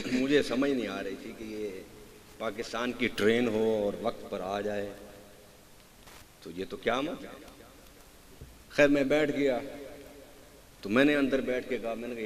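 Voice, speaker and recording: A man giving a religious sermon, telling stories to a congregation and quizzing them, moving from hushed asides to loud raised passages. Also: medium pitch, big-room sound. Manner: tells anecdotes, swings from hushed asides to loud raised delivery, quizzes the audience. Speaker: preacher. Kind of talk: Urdu religious sermon with storytelling.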